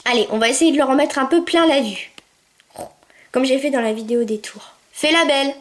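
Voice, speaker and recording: A high-pitched woman chats through a pet game in a casual, excitable way. She coos at her puppy and calls out commands loudly. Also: a little fast. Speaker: gameplay video maker. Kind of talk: casual gameplay commentary.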